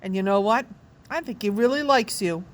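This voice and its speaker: A woman's voice: medium pitch, normal speed, close to an everyday voice. A cocky schoolboy who plays it cool, keeping his words offhand and easy, as a woman reading a storybook voices him. He sounds sly and pleased with himself. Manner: offhand, laid-back.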